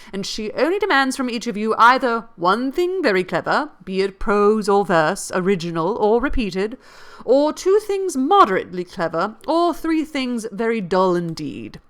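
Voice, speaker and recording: A woman reading as a gallant, teasing young gentleman. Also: mid-range voice, pitched above the performer's own voice.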